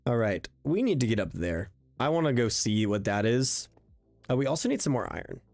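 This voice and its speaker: Responding to viewers as he plays a block-building game on stream, a young man rambles casually and thinks aloud with lots of fillers. His mid-range voice is sing-song, fairly quick and darkish, over faint background music.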